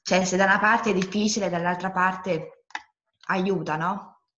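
Young woman, lowish pitch, roomy muffled sound, hesitant casual chat. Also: fairly even intonation, a little slow, fairly bright tone, slight background noise. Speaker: podcast guest. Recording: dull, echoey lo-fi sound.

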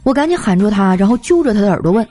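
A young woman telling comic anecdotes in a chatty, animated way, slipping into voices for the people in her stories. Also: mid-range voice, rapid-fire. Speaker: comedy storyteller. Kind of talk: scripted comic monologue. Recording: light background music. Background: faint music.

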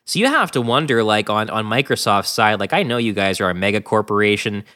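Man, podcast co-host, casual chat, lively swinging pitch, sharp bright tone. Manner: animated, laughs often, quick asides.

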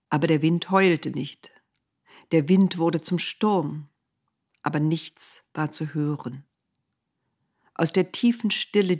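A woman reading a Bible story aloud in a calm, measured storytelling manner. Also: low-pitched, slightly rough. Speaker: narrator.

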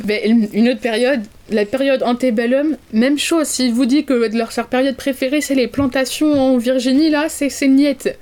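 A woman's voice: high voice, steady tone, moderate pace, darkish tone. A young woman co-hosting a podcast, talking casually about films in a chatty, wry, digressive way. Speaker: podcast co-host. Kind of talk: casual chat reviewing films.

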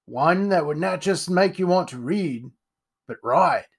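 A man voicing a gruff, scarred old male captain who talks in old seafaring dialect with a growling manner. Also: fairly high pitch, animated, a little slow, exaggerated voice.

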